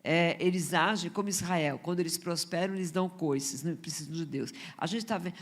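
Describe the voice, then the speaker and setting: A woman's voice: lowish voice, brisk. A Brazilian woman missionary with a Brazilian accent preaching in church, in a conversational way, with many rhetorical questions and stumbling repeats. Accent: Brazilian Portuguese. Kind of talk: sermon.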